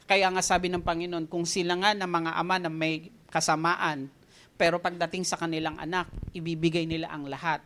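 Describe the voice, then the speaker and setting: A woman with a Filipino accent preaching a sermon. She mixes Tagalog and English and tells animated stories, often laughing at herself. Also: on the low side, fairly quick.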